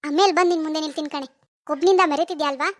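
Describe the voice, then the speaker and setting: A woman voicing a proud young woman who answers her sister's taunts with indignant vows in an animated cartoon. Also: sits high, rapid-fire, no room sound, lightly acted. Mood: defiant. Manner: indignant, sharp, defiant.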